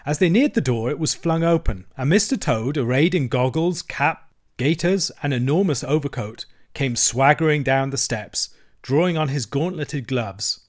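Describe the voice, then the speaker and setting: Man reading a storybook aloud. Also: mid-range voice. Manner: measured, expressive reading. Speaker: reader. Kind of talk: storybook narration.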